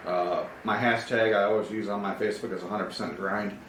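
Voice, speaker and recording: A man with a very low voice talks loosely in a casual interview, often breaking into laughs. He sounds set back from the mic in an echoey room, with a faint hiss underneath. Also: fairly even intonation, fairly quick, fairly bright tone, distant mic. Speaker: podcast guest, actor.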